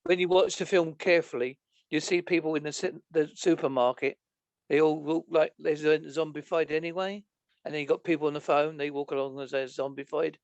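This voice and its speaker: A man's voice: fairly high pitch, fairly even intonation, a little fast, dry recording. A British man chatting as a podcast guest, joking and sarcastic. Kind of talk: casual chat.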